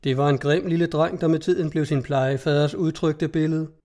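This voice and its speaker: A male narrator reading a fairy tale aloud with steady, scripted delivery. His pitch sits somewhat high, yet the tone stays mellow and soft. The reading flows evenly.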